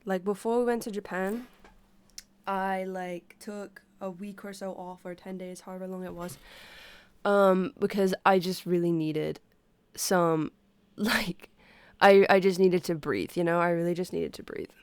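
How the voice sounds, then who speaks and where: A woman sick with a stuffy nose chats casually to her livestream, speaking haltingly and pausing to breathe through her mouth. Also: fairly low pitch, fairly even intonation, clear, resonant tone, no echo. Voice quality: congested, stuffy-nosed. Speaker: livestreamer talking to viewers. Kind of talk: casual unscripted chat.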